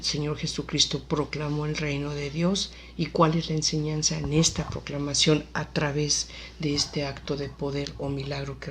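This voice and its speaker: Woman Bible teacher, low voice, unhurried reading with fillers. Faint background noise. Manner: reads scripture aloud slowly, with fillers and self-corrections. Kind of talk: Bible lesson with scripture reading.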